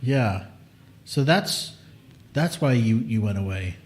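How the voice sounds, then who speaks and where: A man in his late thirties hosting a casual podcast, animated and swearing freely as he acts out his own quotes. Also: mid-range voice, takes it slowly. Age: late 30s. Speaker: podcast host. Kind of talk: casual chat.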